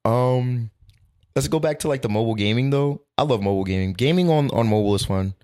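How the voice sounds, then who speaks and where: A man's voice: mid-range voice, fast talker, dark tone, smooth. A man co-hosting a casual podcast chat in a laid-back, agreeable way, with short affirmations. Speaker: podcast co-host.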